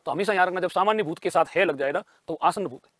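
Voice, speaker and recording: A man's voice: high voice, fast talker, a bit bright, dry recording. A man teaching a grammar lesson for exam prep. He asks questions and answers them himself, and he repeats key terms.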